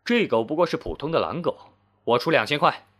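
A wealthy, contemptuous man around thirty, as a narrator voices him. He speaks with haughty menace while bargaining, his pitch moving animatedly. Storybook style. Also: very animated, brisk, fairly bright tone. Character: rich, scornful man about thirty, menacing.

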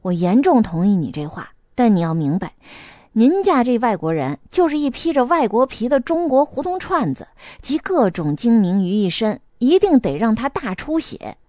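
A woman playing a sharp-tongued friend who talks bluntly and teases, pitched lower than her narrating voice. The delivery is dry and close, with a lively lilt. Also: moderate pace, no room sound. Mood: scheming. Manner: blunt and teasing.

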